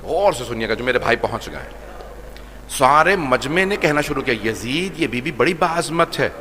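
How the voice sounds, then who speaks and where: Pakistani male preacher, bright forceful voice, dramatic sermon storytelling, long hall reverb with faint noise behind. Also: mid-range voice, lively intonation. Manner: impassioned storytelling, swings between shouting and hushed retelling.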